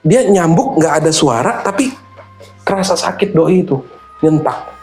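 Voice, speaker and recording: A man's voice: on the high side, moderate pace, faint music behind. A man, animatedly telling a true horror story in casual slang. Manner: animated, slangy, acts out voices. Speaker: guest storyteller.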